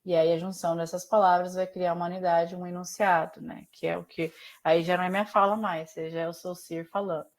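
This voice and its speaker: A woman with a Brazilian accent teaching a Portuguese class over a video call, explaining slowly and often checking in with her students. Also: fairly low pitch, little pitch movement. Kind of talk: online class lecture.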